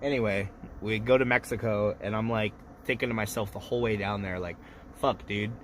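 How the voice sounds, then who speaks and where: A man in his thirties, a little drunk, hosts a livestream and rambles through loose, profane stories in casual chat. His voice sits fairly low with a steady tone, brisk and slightly bright, over faint background noise.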